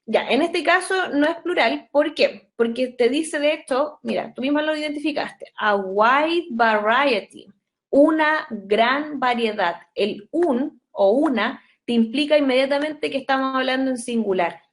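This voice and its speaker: A woman's voice: sits high, normal speed, few pauses. A young woman with a Chilean Spanish accent teaching English grammar in an online class, patient and explanatory, checking often for understanding.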